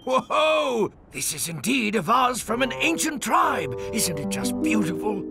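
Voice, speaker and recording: High-voiced admiring cartoon archaeologist. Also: male voice, big pitch swings, a little slow, creaky, full character voice. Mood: impressed. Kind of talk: children's cartoon dubbing. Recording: loud music under the voice.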